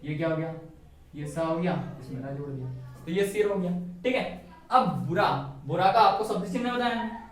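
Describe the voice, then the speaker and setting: A man's voice: sits high, brisk. A male shorthand teacher giving a casual classroom lesson, asking and answering his own questions and cracking jokes as he goes. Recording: very echoey room, mic far away.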